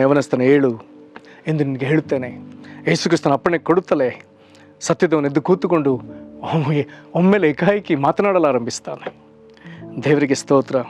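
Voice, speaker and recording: A man preaching a short devotional sermon, earnest, slowing and stretching phrases for emphasis. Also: a little high. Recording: soft music underneath.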